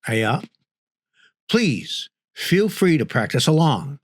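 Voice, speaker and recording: A man from northern New England narrating a scripted guide to local culture, measured and explanatory, with playful asides. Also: on the high side, animated, no echo, clean studio sound.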